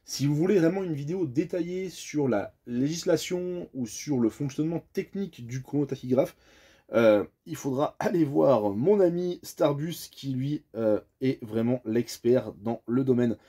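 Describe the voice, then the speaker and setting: A man's voice: mid-range voice, lively intonation, measured pace, warm tone, husky. A man from France casually explaining, step by step, how a piece of driving equipment works, chatty and full of hesitations. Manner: friendly, chatty, hesitant with many fillers. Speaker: bus driver explaining a tachograph.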